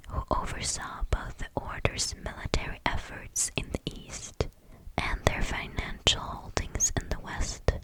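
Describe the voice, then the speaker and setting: A woman whispers an ASMR reading of a history text in a measured way, close into the listener's left and right ears. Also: rough recording. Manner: slow, measured scripted reading. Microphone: close-up stereo microphone.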